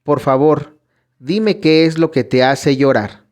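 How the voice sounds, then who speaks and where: A man voicing a frightened young female visionary, reading her pleas slowly. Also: a little high, a little mellow. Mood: pleading.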